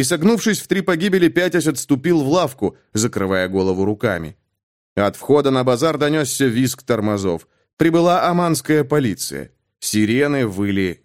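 A man reading a thriller novel aloud as an audiobook narrator, with expressive, dramatic delivery. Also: medium pitch. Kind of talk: scripted narration.

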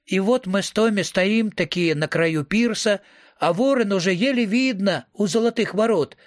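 A man's voice: high voice, moderate pace, dry recording, clean studio sound. A man reading a story aloud in first person, in a slangy, wisecracking, profane voice. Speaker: audiobook reader.

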